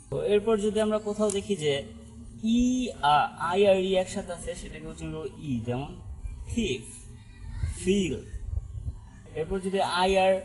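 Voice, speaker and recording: A man's voice: on the high side, low-quality recording. A man teaching an English pronunciation lesson, explaining step by step and often checking in with "right?". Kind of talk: spoken language lesson.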